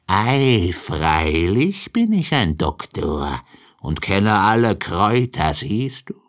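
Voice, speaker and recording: A man voicing a cunning, mocking wolf in a fairy tale reading, speaking low and slow. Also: big pitch swings, full character voice. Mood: sly.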